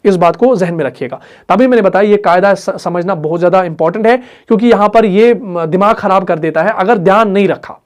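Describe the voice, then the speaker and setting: A man's voice: sits high, brisk, few pauses. A man with a Pakistani Urdu accent leads a recitation lesson. He works through each point step by step. He keeps asking the class short questions and then answers them himself. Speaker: Quran recitation teacher. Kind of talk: classroom explanation.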